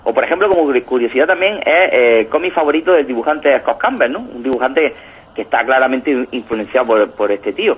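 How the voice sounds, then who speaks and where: Fast husky man, tinny phone sound. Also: mid-range voice, animated. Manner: enthusiastic, rambling, keeps tagging "¿no?". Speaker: comics reviewer on a radio show. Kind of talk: casual radio chat. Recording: tinny phone-like radio audio.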